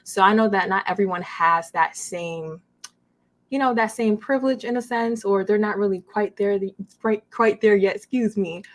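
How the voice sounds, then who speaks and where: A woman's voice: mid-range voice, normal speed. A woman with a Brooklyn accent chatting casually and expressively as an upbeat interview guest. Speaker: podcast guest, anime content creator.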